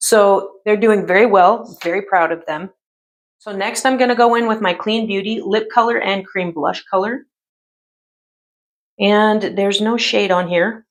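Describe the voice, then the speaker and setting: A woman in her mid-fifties chatting casually through a makeup tutorial, rambling with many pauses and fillers. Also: medium pitch. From United States. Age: 50s. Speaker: beauty vlogger.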